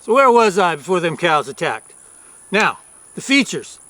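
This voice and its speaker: A man's voice: high voice, sing-song, moderate pace, sharp tone, dry recording. A man giving a casual, plain-spoken video review as a rancher, recorded outdoors.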